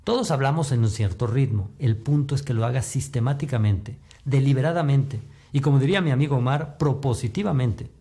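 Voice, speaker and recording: A man giving a recorded lecture on communication, explaining patiently and shifting his pitch up and down to demonstrate. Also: a little fast, few pauses, warm tone. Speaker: communication instructor.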